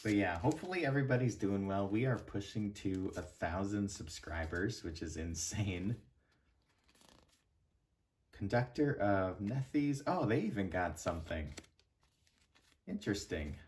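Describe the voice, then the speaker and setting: A man's voice: on the low side, expressive, measured pace, long pauses, darkish tone. A young man giving casual, laid-back commentary as he hosts a card-opening video. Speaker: card-opening channel host.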